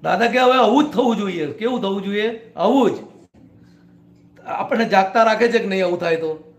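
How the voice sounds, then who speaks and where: A man's voice: high voice, normal speed. A man, a spiritual teacher, giving a discourse to a small gathering in a private home and often putting short questions to his listeners. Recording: echoey room.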